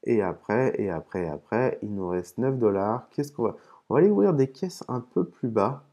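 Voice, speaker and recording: A man hosts a laid-back gaming video, talking the viewer through each case he opens. His voice sits in an ordinary middle register with a warm, mellow tone. He explains things patiently, trails off into fillers, and mutters curses under his breath at his own fumbles. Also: mid-range voice, expressive, moderate pace, muffled recording. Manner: hesitant, with frequent "euh" and restarts. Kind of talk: casual commentary while opening game cases.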